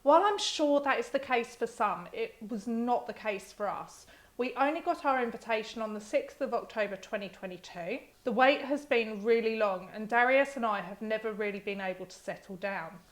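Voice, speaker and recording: A woman with a fairly high voice reads listener emails aloud in a casual, chatty way. She is openly emotional and breaks into laughter often. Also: normal speed. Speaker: podcast host reading listener emails.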